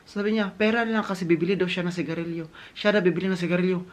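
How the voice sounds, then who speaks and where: A man vlogger telling a story in casual chat, animated and speaking straight to his viewers, slipping English words in. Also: sits high, very fast. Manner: animated, addresses viewers as guys, mixes in English.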